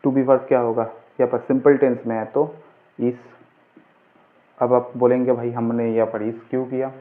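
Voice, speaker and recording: Over a muffled, phone-like line, a man explains grammar informally, asking himself questions and then supplying the answers. He speaks at normal speed with medium pitch and a flat delivery.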